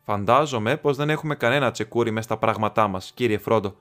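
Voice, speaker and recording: A stubborn, loyal male hobbit servant with a fierce, gruff edge, as a man reading aloud voices him. He talks with blunt determination. Faint music plays beneath. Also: lowish voice, fairly bright tone, lightly acted. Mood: eager. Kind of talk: audiobook reading.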